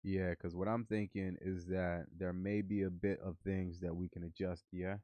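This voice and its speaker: A deep-voiced man codes trading bots on a casual live stream, his delivery flat at normal speed. He sounds nasal while recovering from the flu and mutters to himself and his bots. The recording is muffled, with no room sound.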